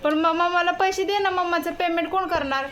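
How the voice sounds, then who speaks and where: A woman's voice: extremely high pitch, fairly even intonation, brisk. A young mother chatting with her little child in a casual family vlog, coaxing and teasing. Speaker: mother and vlogger.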